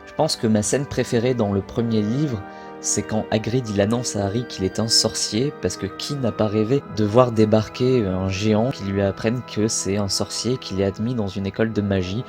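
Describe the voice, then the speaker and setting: Casting: young French guy, lowish voice, easygoing vlog chatter, faint music bed. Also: fairly even intonation, moderate pace. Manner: chatty, self-correcting. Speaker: video creator. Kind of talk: casual talk to camera.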